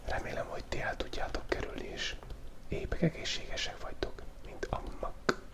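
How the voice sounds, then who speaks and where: A Hungarian man who hosts a YouTube drawing channel whispers playful ASMR commentary while sketching, tossing in joking asides. He has a cold, and his small mic is taped right to his face.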